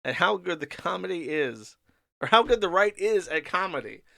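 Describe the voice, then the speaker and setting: A man's voice: high-pitched, very animated, moderate pace, gravelly, sharp tone, dry recording, studio quality, pitched above the performer's own voice, exaggerated voice. A man voicing a smug, preachy male pundit from a comic strip, in a lecturing, self-satisfied way.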